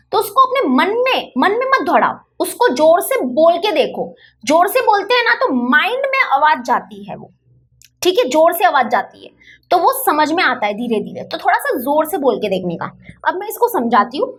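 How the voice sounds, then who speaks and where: A woman's voice: very high-pitched, a bit bright. A young woman teaching an online maths lesson in a chatty, coaxing way, repeating key points.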